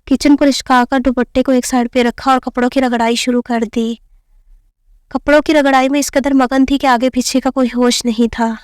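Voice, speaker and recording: Even-toned woman narrating a novel. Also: high voice, normal speed, smooth, dry recording, studio quality. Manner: steady, even reading. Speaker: story narrator. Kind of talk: scripted narration of a romance novel.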